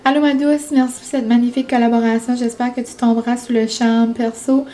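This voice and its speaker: A woman's voice: fairly high pitch, little pitch movement, brisk, warm tone. A young woman with a Québécois French accent chatting casually in a vlog, full of fillers like "genre" and "comme". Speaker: vlogger.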